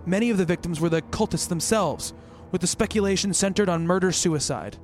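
Speaking over music, a man takes the part of a worried, logical researcher in an eerie radio play, both narrating and acting as a character. His pitch sits high and his pace is a little quick, close to an everyday voice. The mood is pensive and measured across his radio play dialogue and first-person narration.

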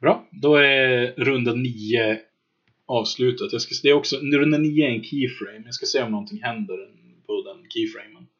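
A man running a tabletop game as game master, narrating scenes in a relaxed way with many filler words. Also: medium pitch, breathy edge. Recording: dull lo-fi mic.

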